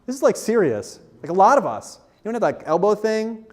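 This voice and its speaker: Presenting at a conference, a content marketer speaks in a high-pitched voice with big pitch swings at a fairly quick pace. His style is informal, candid and self-deprecating, and he puts questions to the crowd.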